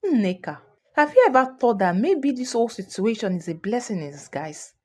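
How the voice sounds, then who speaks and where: A woman voicing a gentle, wise older village woman in a storybook tale, speaking softly in a lowered voice. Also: big pitch swings, moderate pace. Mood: coaxing.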